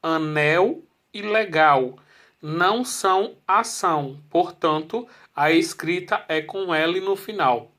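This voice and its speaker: A narrator calmly explains a spelling rule step by step in a scripted, methodical voice. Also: medium pitch, takes it slowly.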